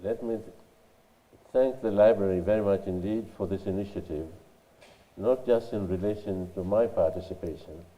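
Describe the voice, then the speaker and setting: An older man with a nasal voice from a cold, answering interview questions in a measured way with many pauses and fillers. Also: sits low, dark tone. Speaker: interviewed scholar and writer. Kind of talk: recorded library interview. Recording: dull sound with long reverb in a hall.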